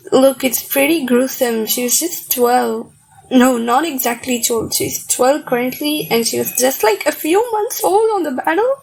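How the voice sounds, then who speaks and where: A young woman casually reacting to a manga chapter, reading panels aloud between excitable, slangy asides. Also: a little high, gravelly, slightly rough, rough recording.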